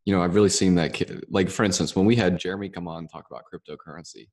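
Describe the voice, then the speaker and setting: A deep-voiced man co-hosting a podcast, talking in a relaxed, rambling way. His tone is easygoing and conversational. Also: racing. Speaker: podcast co-host, student clinician. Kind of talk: casual podcast chat.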